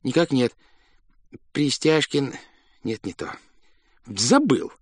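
A man's voice: mid-range voice, very animated, takes it slowly, breathy edge, no echo, pitched above the performer's own voice, heavily acted. A man voicing a flustered, forgetful estate clerk who mutters names aloud in a storybook reading. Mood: muttering.

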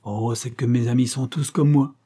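A man's voice: mid-range voice, fairly even intonation, moderate pace, mellow, natural voice. A man voicing a starving young workman who pleads in breathless outbursts. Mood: pleading. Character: starving young male worker, desperate and proud.

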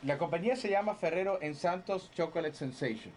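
A man playing an over-polite, hesitant chocolate salesman on a phone sales pitch, repeating himself. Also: brisk, a little mellow, lightly acted. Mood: coaxing. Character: polite male chocolate salesman claiming to be French. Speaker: prank caller. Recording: noisy radio phone call.

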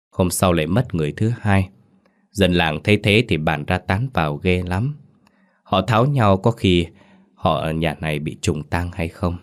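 A man narrating a horror story in a slow, grave, deliberate way. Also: low voice.

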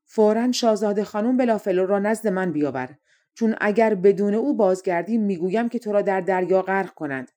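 An old, ugly king snaps out his orders in formal, commanding speech, as a woman narrator puts him on. He is impatient and hot-tempered, and his voice carries over the telling. The tone stays warm and mellow throughout this fairy-tale audiobook. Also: medium pitch, lightly acted. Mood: imperious.

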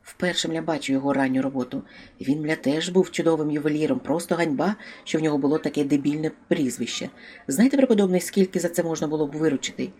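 A coarse, swearing male thug who erupts loudly and cannot stop cursing, put on by an audiobook reader. He talks in sudden loud bursts, pushed higher than a plain telling voice. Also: quick pace, lightly acted. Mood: admiring. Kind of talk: audiobook character voice.

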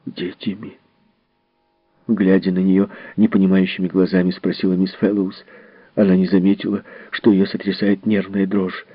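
A male audiobook narrator with a husky, slightly rough voice, reading in a measured, expressive way. The recording is dry and close, with a dull, muffled top end. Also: low voice, no echo. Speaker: audiobook reader. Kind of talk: scripted narration.

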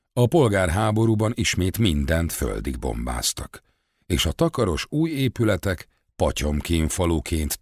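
Gravelly male audiobook narrator. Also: low voice, a little mellow, no echo, studio quality.

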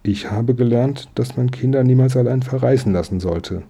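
A man's voice: mid-range voice, normal speed, gravelly, husky, voice pushed up. A man reading aloud, voicing a caring, worried mother in a storybook. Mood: concerned. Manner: gentle and concerned.

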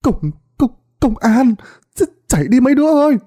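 A man voicing a frantic old woman gambler who stammers and pleads in a high, wailing voice. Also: very animated, normal speed, dark tone, slightly rough, full character voice. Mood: panicked.

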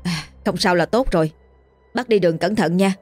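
A woman voicing a young village man, rushed, fretful and gossipy. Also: on the low side, darkish tone, soft background music, natural voice. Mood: alarmed.

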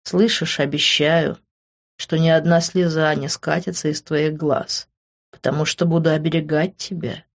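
A woman voicing a pushy, possessive young man in an audiobook, in an insistent, smooth-talking manner. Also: deep voice, flat delivery, a little slow. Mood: soft coaxing. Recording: dull lo-fi recording.

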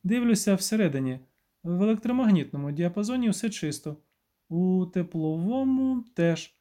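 A male reader voicing a brisk, urgent young woman who heads a lab, speaking in clipped lines in an audiobook. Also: high voice, animated, mellow, voice pushed up.

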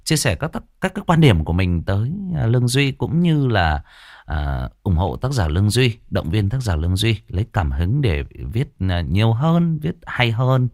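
A man's voice: lowish voice, very animated, moderate pace, a little mellow, dry recording, studio quality. Man narrating a ghost story. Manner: casual intro with many fillers and restarts.

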